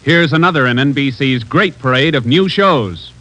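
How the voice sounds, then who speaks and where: A man's voice: mid-range voice, animated, moderate pace, lo-fi sound, heavy background noise. A male announcer reading a formal, sonorous program introduction for an old radio show. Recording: old radio broadcast with loud music behind.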